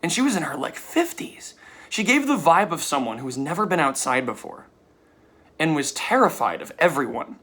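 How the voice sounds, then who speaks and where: A man's voice: fairly high pitch, sing-song, normal speed, bright, forceful tone. Rambling, candid young man talking to camera. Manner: rambling, candid, swears casually. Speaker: vlogger. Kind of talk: casual monologue to camera.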